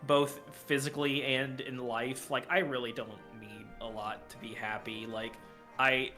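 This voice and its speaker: A man talking on a podcast while his throat is sore. His voice is bright and forward, and his even, middle pitch winds through loose sentences full of fillers that trail off. It's relaxed guest chatter. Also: a little slow, soft background music. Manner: rambling, trailing off with many fillers. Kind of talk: casual chat.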